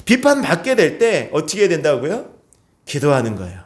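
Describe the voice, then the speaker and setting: Korean pastor preaching, questioning the flock. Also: male voice, on the high side, wildly swooping pitch, fairly quick. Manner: asks the congregation questions and calls for amens. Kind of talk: sermon. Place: church sanctuary.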